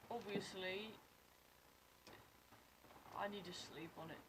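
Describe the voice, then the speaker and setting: A woman's voice: mid-range voice, steady tone, slow. A tipsy woman playing a tabletop game, joking around and swearing casually. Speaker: player. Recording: noisy stream audio.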